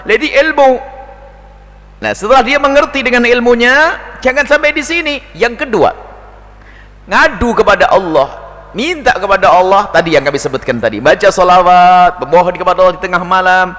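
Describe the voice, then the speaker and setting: A man's voice: high-pitched, expressive, moderate pace, pauses often, sharp tone. A man giving an impassioned sermon to a gathered congregation, acting out heartfelt prayers of repentance. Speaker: preacher. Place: large hall before a congregation. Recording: long hall reverb.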